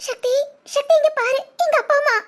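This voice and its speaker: A woman's voice: extremely high pitch, fairly even intonation, brisk. A woman voicing a tearful young daughter in a cartoon, sobbing and pleading in a childlike way. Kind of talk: cartoon voice acting.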